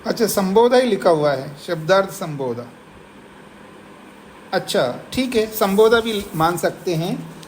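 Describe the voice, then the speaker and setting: A man teaching a class, explaining a classical text patiently, asking his students questions and slowing down to read the Sanskrit lines aloud. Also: high voice, very animated, a little hiss or hum, rough recording. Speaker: teacher of philosophy. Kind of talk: classroom lecture on scripture. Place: ashram classroom.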